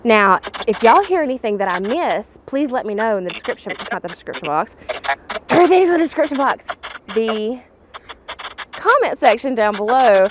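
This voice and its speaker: A woman's voice: a little high, big pitch swings, normal speed. A woman hosting a casual ghost-hunting vlog outdoors, chatting informally to viewers and calling out questions to spirits. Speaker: ghost-hunting vlogger and host. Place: outdoors at a bridge. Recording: clear background noise, clicks.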